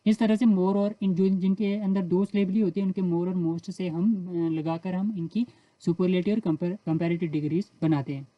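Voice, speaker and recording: Indian lady teacher explaining english grammar, slow on the examples, dry muffled sound. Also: fairly low pitch, steady tone, no room sound. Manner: explains step by step, reads English example sentences slowly. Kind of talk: grammar lesson in Hindi.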